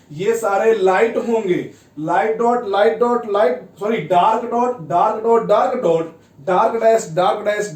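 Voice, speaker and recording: Far from the microphone in an echoey room, a man with a high, darkish voice teaches a shorthand lesson. He walks through it step by step and repeatedly checks in with the class.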